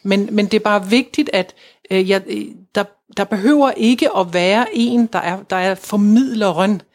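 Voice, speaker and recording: A woman talking casually about spirituality, earnest and coaxing, repeating her points and acting out inner voices. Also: medium pitch. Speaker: spiritual guide.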